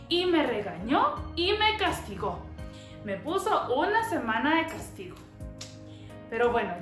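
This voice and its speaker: Animated woman telling a children's story. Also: high voice, roomy sound. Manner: lively, asks the children questions.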